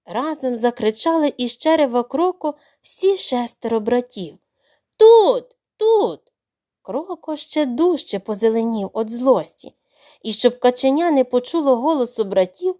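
A woman narrating a children's audio fairy tale in an expressive storybook reading. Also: fairly high pitch, normal speed.

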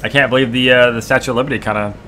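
A young man co-hosting a casual snack-tasting chat, animated and sarcastic in his ribbing. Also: mid-range voice, very fast. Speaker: co-host. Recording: noisy home stream recording.

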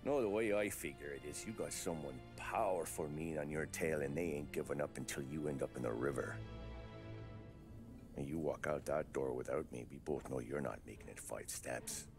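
An actor playing a tough-talking 1930s police detective who needles a witness in street slang. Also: male voice, rumbling low, moderate pace, music in the background. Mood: wry, needling. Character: gruff 1930s male police detective interrogating. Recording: game audio with loud score.

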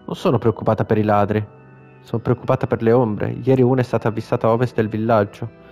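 Guy reading a tough young woman from a game, flat and mellow. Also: fairly low pitch, fast talker, muffled recording, faint music behind, close to an everyday voice. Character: young woman, blunt and protective.

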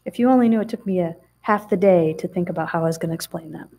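A middle-aged woman with a fairly low, dark voice speaks fast as she presents audit figures to a town council. She explains things chattily, with frequent ums and restarts, recorded on a table mic in the council chamber.

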